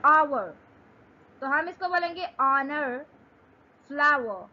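Bright-voiced Pakistani woman teaching English. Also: sits high, animated, muffled recording. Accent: Pakistani Urdu. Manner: reads English definitions slowly, then explains in Urdu. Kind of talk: recorded online lesson.

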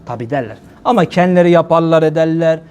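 A male preacher with a high-pitched voice gives a loose, joking sermon. He talks in an animated, chatty way, laughing often and addressing the crowd like old friends. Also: fast talker, smooth. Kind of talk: casual humorous sermon talk.

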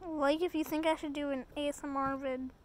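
A woman's voice: sits high, steady tone, a little fast. A young woman vlogging casually with her dog, chatty and rambling, gushing in baby talk. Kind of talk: casual vlog chat.

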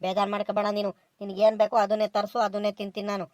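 A woman's voice: medium pitch, monotone, racing, a little mellow, no echo, lightly acted. A woman voicing a tired male village laborer in a comedy cartoon, pleading and defensive in a rural southern Karnataka Kannada accent. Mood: resigned. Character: weary male coconut-husking laborer making excuses.

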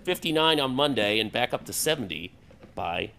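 A man's voice: mid-range voice, expressive, normal speed, creaky, noisy background. Man giving a chatty TV weather forecast.

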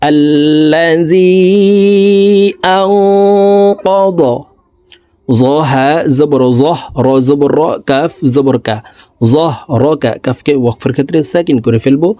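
A man's voice: medium pitch, warm tone, no echo. Man drilling recitation letter by letter. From Bangladesh. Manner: slow syllable-by-syllable drilling, explains pronunciation rules; slow melodic chanted recitation. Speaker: Quran recitation teacher. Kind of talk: spelling-out recitation lesson.

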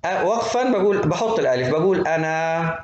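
A man teaching the rules of Quran recitation, explaining point by point and reciting verses slowly in a drawn-out chant. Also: a little high, expressive, muffled recording. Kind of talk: explanatory lesson with recited examples. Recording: echoey room.

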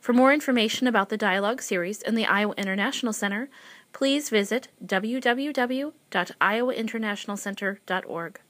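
A woman's voice at a middle pitch delivers a scripted promotional announcement. Her read is smooth and even, plainly worded from a page. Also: fairly quick.

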